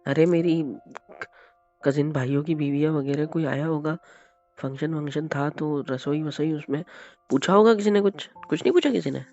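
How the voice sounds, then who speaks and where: Gravelly man in a romantic role-play call. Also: on the high side, normal speed. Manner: soothing then stern, swings between coaxing and scolding. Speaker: roleplaying husband. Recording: dull lo-fi audio with soft music.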